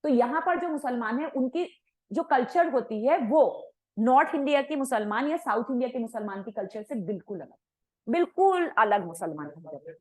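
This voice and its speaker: High-voiced woman teaching an online class. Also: animated, normal speed, darkish tone, low-quality recording. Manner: conversational, mixes English words into her explanations. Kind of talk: online lecture. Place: coaching class.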